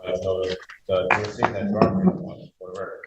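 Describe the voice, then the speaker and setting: A man speaking as a defendant at a court hearing, halting and full of filler sounds as he reaches for legal phrases, heard in a courtroom recording. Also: low-pitched, steady tone, highs cut off. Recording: echoey courtroom audio from a distant mic, faint hiss.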